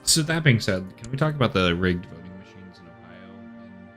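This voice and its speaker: A man's voice: deep voice, animated, a little fast, a bit bright, soft background music. Man with crackly, cutting-out audio. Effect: audio cutting in and out, crackly loose connection. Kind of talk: casual chat.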